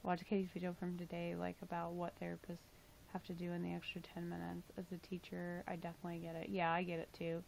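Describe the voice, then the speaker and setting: A woman's voice: fairly low pitch, completely flat delivery, quick pace, vocal fry, a little mellow, slight background noise, rough recording. A young woman casually chatting on her livestream, reading chat aloud and filling her talk with "like" and "um", her voice tired. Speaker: livestream host.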